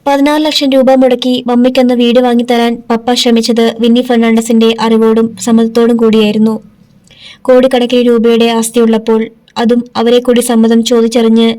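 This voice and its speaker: Woman voicing young daughter, defiant, quiet but firm, accusing, fairly high, mellow. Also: lightly acted.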